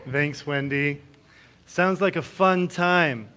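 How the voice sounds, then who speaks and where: A man, the pastor, giving friendly church announcements in a relaxed way with small fillers. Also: a little high, slow, clean tone. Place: church sanctuary.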